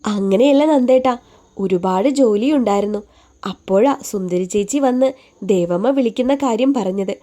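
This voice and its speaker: A woman voicing a tired, proud young working woman who speaks quietly and holds back. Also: medium pitch, moderate pace, close to an everyday voice. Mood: tired, reluctant.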